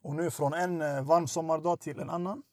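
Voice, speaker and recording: A man's voice: a little high, steady tone, no room sound. A man cohosting a casual chat, mostly agreeing briefly and introducing the next story. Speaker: podcast co-host.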